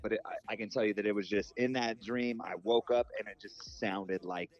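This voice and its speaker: A man's voice: on the low side, steady tone, brisk. Man heard over a muffled phone line. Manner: loose and rambling, leans on "like" and "you know". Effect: heard over a phone call. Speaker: musician guest. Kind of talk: casual phone interview. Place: in a different time zone from the host.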